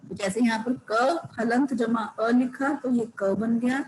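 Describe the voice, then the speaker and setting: Woman teacher slowly explaining Hindi grammar. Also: on the high side, darkish tone, slight background noise, poor audio. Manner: slow, repetitive explanation, drawing out example words. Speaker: school teacher.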